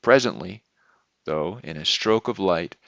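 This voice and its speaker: A man narrating a short story aloud in a steady, measured reading, in a dull lo-fi recording. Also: sits low, gravelly, no echo. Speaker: audiobook reader.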